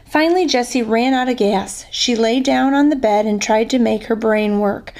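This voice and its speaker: A woman guest reader reads a children's novel aloud at a fairly high pitch. She gives the dialogue lively expression while keeping the narration plain. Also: normal speed.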